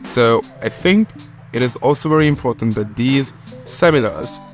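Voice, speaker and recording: A man's voice: mid-range voice, lively intonation, moderate pace, soft background music. A man from Hungary, a seminar participant, talking matter-of-factly about networking at seminars. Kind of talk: interview testimonial.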